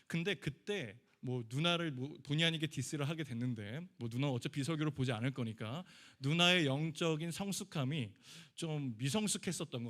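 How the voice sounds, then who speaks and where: A man's voice: on the high side, a bit bright. A young man giving a conversational sermon to a youth congregation in a church hall. He speaks casually and acts out the quoted lines of people in the story. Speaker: youth pastor.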